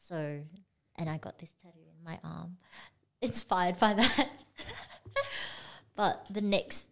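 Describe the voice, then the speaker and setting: A young woman artist, born in Singapore and raised elsewhere, talking in a relaxed casual chat, laughing often and letting sentences trail off. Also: fairly low pitch, slow, gravelly.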